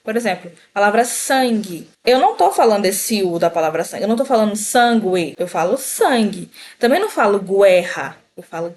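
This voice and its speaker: A woman teaching a Portuguese grammar lesson, slowly pronouncing example words and speaking directly to the viewer. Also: mid-range voice, big pitch swings, a little mellow, a little hiss or hum. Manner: slow, deliberate pronunciation of example words; explanatory, addresses viewer directly.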